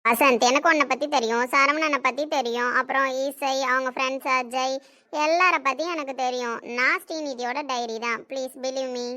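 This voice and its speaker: A woman's voice: high-pitched, steady tone, moderate pace, pushed and bright. A woman voicing a caring, protective female talking diary in an audio drama, speaking in an earnest, worried way. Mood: pleading.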